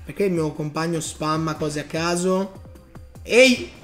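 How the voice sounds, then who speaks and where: Excitable high-voiced man commenting on gameplay. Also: measured pace, faint music behind. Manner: excitable, bursts of hype, talks to viewers as "raga". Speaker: gaming YouTuber.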